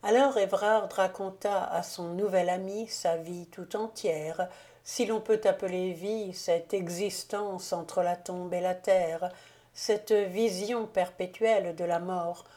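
A woman narrates a classic novel at an unhurried, measured pace. Her voice is on the low side and mellow in tone. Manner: measured, calm reading. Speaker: audiobook reader.

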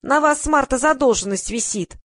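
A woman voicing a fake phone company clerk in an audiobook, with a squeaky, nasal, prim customer-service manner. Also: lively intonation, fairly quick, a bit bright, no echo, studio quality. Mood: gloating. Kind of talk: audiobook character voice.

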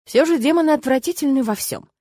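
A woman reading a first-person novel aloud in a lively, expressive way. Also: high-pitched, quick pace, no room sound, studio quality. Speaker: audiobook narrator. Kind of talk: first-person audiobook narration.

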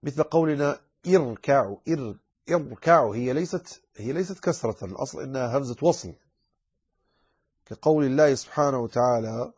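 A man teaching a recitation lesson, explaining rules patiently and pausing with drawn-out fillers while he models correct and wrong readings. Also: medium pitch, darkish tone, breathy edge, highs cut off. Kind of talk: tajweed lesson with recited examples.

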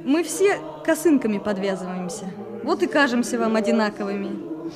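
A woman's voice: a little high, lively intonation, normal speed, a crowd in the background, lightly acted. A woman playing a frank young painter girl. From Kuban. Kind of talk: film drama dialogue.

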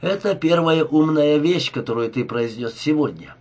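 A scheming male gangster with a sarcastic, sneering edge, delivered in a husky, breathy voice, as a man reads him out. He talks down to his partner with cold irony, the audiobook voice pitched at an ordinary middle height. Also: lively intonation, moderate pace. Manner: sneering, ironic.

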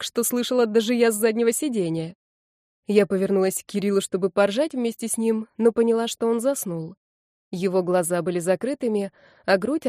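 Female audiobook narrator, lively first-person storytelling, mid pitch, very dry close sound. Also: dry recording.

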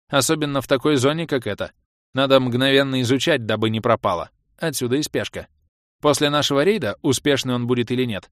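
A man's voice: mid-range voice, no room sound, clean studio sound, pitched above the performer's own voice, lightly acted. A man voicing a domineering baroness in an audiobook, barking and commanding. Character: domineering baroness, a noblewoman leader. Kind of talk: audiobook character voice.

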